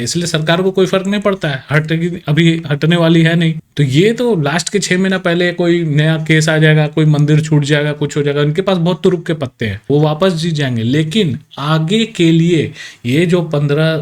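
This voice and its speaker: Guy ranting thru a reaction video, kinda high voice, blunt, talks right at you. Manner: blunt, argumentative, talks straight to viewers. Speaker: video commentator. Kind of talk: casual reaction commentary.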